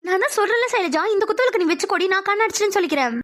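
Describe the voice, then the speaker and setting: A woman voicing a sassy, sharp-tongued young elder sister with quick retorts in a cartoon. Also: very high-pitched, lively intonation. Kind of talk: cartoon voice acting.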